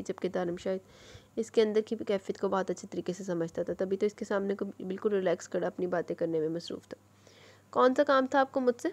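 A woman narrating a romance novel audiobook with expressive, emphatic storytelling. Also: medium pitch.

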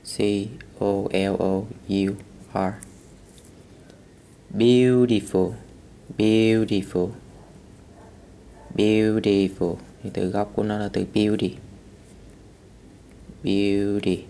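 A man's voice: fairly low pitch, monotone, slow pace, gravelly, pauses often, mellow, slight background noise. A man teaching English vocabulary, saying each word several times. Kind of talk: vocabulary lesson.

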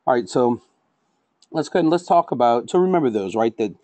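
A middle-aged man lecturing an online safety course at a brisk, self-confessed fast pace. He keeps checking in with his listeners, voice sitting mid-range. The recording is dry and close, with no room sound. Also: mid-range voice, animated, a little mellow, no echo. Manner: says he talks fast, tags lines with "right?" and "okay?". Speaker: safety trainer.

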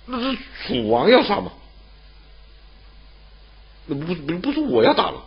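A man voicing a flustered male craftsman who stammers out excuses in a raised, husky voice. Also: sits high, huge pitch swings, measured pace, lo-fi sound, voice pushed up, full character voice.

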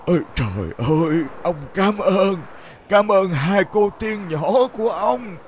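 A man voicing a frail, hungry, trembling old man in an animated fairy tale. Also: high-pitched, unhurried, a little hiss or hum. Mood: pitiful. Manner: weak, pitiful pleading. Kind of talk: cartoon dub acting.

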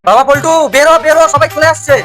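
A woman's voice: sits high, expressive, quick pace, sharp tone, soft background music. A woman voicing a stern, bossy father with a who orders and hurries his son around. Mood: hurrying.

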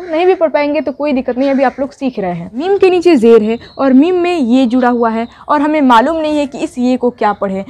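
A woman's voice: a little high, dark tone. A young woman, teaching an online language lesson, patiently repeating each step and asking rhetorical questions. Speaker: Urdu teacher.

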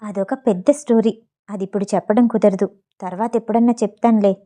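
A woman voicing a nervous, flustered young woman who speaks in hushed tones. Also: mid-range voice, fairly even intonation, quick pace, lightly acted.

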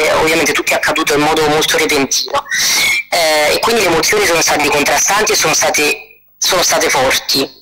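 A woman psychologist heard over the phone on speakerphone, talking thoughtfully with many hesitations. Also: deep voice. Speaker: psychologist guest. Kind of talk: live call-in conversation. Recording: noisy speakerphone line.

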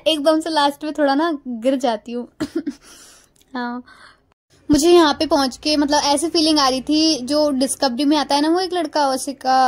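A young woman talking casually as a travel vlogger, chatty and giggly, repeating words for effect. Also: high-pitched. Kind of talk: casual travel vlog narration.

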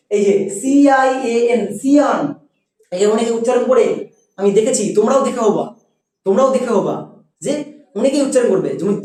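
A teacher giving a spelling and pronunciation lesson, patient and repeating words slowly for students. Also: mid-range voice, dark tone, very echoey, distant mic, poor audio.

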